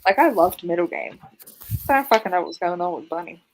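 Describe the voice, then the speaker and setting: Female guest, lively swooping pitch, blunt, curses casually. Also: quick pace, slight background noise, low-quality recording. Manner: blunt and frank, swears freely. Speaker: guest reader. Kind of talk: casual livestream chat.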